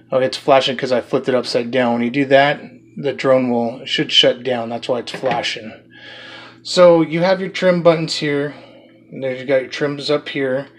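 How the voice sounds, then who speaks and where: A man chatting his way through a small drone's box, loose and conversational. He talks in an easy middle register, stopping and restarting as he points things out to the camera. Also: medium pitch. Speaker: drone reviewer. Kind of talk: casual product unboxing review.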